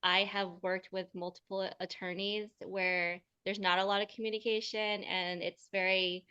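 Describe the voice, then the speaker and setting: A woman's voice: medium pitch, flat delivery, normal speed, pushed and bright, smooth. Woman realtor hosting a seminar, chatty, call sound a bit muffled. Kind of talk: casual seminar chat on video call. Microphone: video call.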